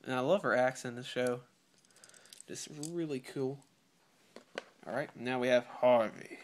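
A teenage toy reviewer, still recovering from a cold and clearing his throat often, enthusiastically unboxes a toy in a room with a patterned rug. He speaks at a medium pitch and a measured pace. Filmed on a close-held phone, the clip is full of clear, loud crinkling from the plastic packaging.

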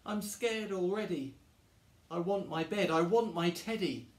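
A man's voice: high voice, measured pace, a little mellow, pitched above the performer's own voice. A man doing Eddie, a scared little boy. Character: frightened little boy looking for his teddy. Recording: echoey room.

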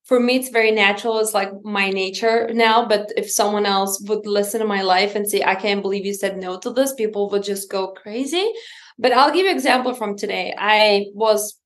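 A woman in her thirties from Lithuania, a company founder talking on a video call in an earnest, energetic way with non-native English grammar. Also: mid-range voice, normal speed. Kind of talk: casual interview talk. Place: indoor room at home.

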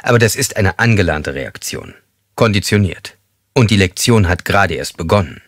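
A man voicing a calm, controlling male serial killer, speaking slowly and with menace. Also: low-pitched, no echo, studio quality. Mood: menacing. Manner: slow, measured and menacing, at times hissed.

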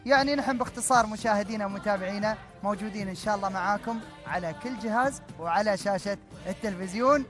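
Rapid-fire Emirati male quiz host. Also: sits high, fairly bright tone. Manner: jovial, teasing callers. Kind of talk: live call-in quiz hosting.

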